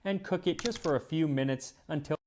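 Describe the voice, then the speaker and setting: A man's voice: on the high side, a little fast, darkish tone. A man hosting an educational video, reading scripted narration in an emphatic, explanatory way. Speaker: host of a food history video show.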